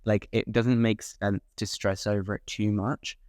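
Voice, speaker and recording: Low-voiced young British man giving advice. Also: little pitch movement, a little slow, a little mellow, no room sound, clean studio sound. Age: young adult. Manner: informal, emphatic, reassuring. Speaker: student advice vlogger. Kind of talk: casual advice talk to camera.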